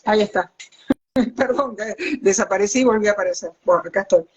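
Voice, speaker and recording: A woman with an Argentine accent, a biologist guest chatting casually in a live video call from a hallway at home, overheated and talking in quick asides. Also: mid-range voice, a little hiss or hum. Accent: Argentine Spanish. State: overheated from the heat. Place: hallway at home beside the router. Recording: lo-fi phone audio.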